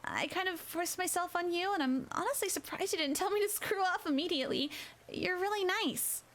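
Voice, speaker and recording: A woman voicing an earnest, chipper teenage schoolgirl in a whispered role-play storybook reading, eager and softly apologetic. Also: very high-pitched, a little fast, voice pushed up. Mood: flustered. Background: rain and crackling fireplace.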